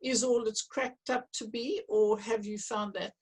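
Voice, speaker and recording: A woman chairing a virtual panel discussion, asking measured questions with some hesitant restarts. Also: fairly high pitch, fairly even intonation, a little mellow, slightly rough, poor audio.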